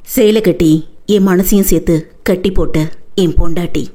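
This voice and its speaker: A woman's voice: on the low side, a little slow, mellow. A woman voicing a hot-tempered but doting young husband in an audiobook, coaxing and boastful.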